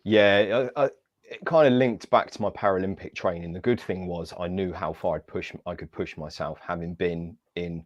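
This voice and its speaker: A man with a very low voice tells his story as an interview guest. He is lively and self-mocking, acting out the people he quotes. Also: moderate pace, no room sound, dull audio. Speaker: guest, Paralympic athlete.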